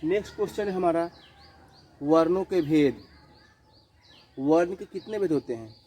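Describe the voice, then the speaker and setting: Male teacher, slightly high yet mellow voice, slow and repetitive, answers his own questions, mixes in English words. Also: animated, breathy edge, poor audio. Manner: repeats each definition slowly, asks and answers his own questions. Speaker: school teacher. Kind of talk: classroom grammar lesson.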